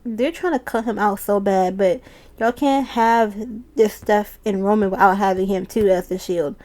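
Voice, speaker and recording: A woman's voice: mid-range voice, normal speed, dark tone. A woman casually recapping a wrestling show, chatty and often laughing as she retells it.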